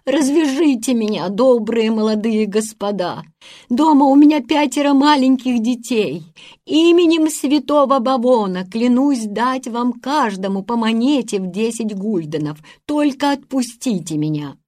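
A woman's voice: fairly high pitch, lively intonation, measured pace, warm tone, no room sound, studio quality, pitched above the performer's own voice. Woman doing a whining captured robber man. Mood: pleading. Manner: whining, pleading. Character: pleading middle-aged male robber, whining.

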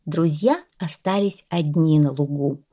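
A woman narrating a children's animal story in a measured, expressive way. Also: deep voice.

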